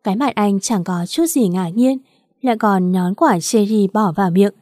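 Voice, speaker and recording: A woman reading a first-person story in an even, unhurried narration. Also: medium pitch, no echo, clean studio sound.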